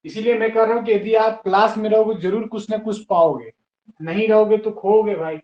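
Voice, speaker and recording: Casual man teaching a class, high voice, spells words aloud, echoey room, dull recording. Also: fairly even intonation, a little fast. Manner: spells words out letter by letter, patient and encouraging. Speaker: English teacher. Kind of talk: classroom lesson.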